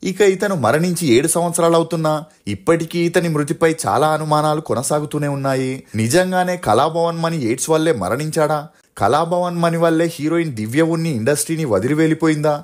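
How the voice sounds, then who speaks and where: Fast-talking man narrating a dramatic story. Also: on the high side. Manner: brisk, dramatic questions to hook the viewer. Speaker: narrator of a true-story video channel.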